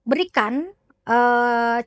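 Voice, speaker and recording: A woman's voice: on the high side, very slow, clean tone, dry recording. A woman playing a sly old healer. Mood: sly instructing. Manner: instructing, matter-of-fact.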